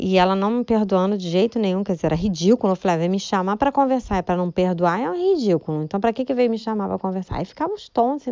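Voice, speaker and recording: Telling her story in church, this woman is talkative and emotional, frequently seeking her audience's agreement as she gives her spoken testimony. She has a creaky, dark, mid-range voice, heard without echo and with the highs cut off.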